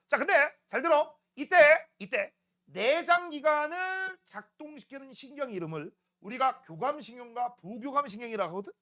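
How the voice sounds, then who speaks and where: Lively joking Korean science teacher. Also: male voice, extremely high pitch. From South Korea. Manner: joking, teasing students, asks constant check questions. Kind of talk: classroom science lecture.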